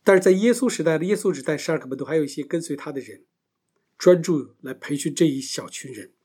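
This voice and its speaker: Man teaching Scripture, slightly high voice. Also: lively intonation, fast talker, dark tone, husky. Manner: explains step by step, often asks and answers his own questions. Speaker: Bible teacher. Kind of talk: Bible teaching lecture.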